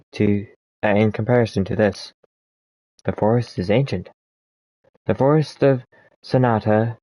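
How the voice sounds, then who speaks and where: A low-voiced man reads a text adventure's passages aloud at a deliberate pace, stumbling and restarting now and then, with hiccups breaking in. His tone is dark and mellow, and the sound is close and dry, with no room around it. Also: dry recording, poor audio. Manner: slow, deliberate reading with small slips and restarts. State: has the hiccups. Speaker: let's play narrator. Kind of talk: reading game text aloud and commenting.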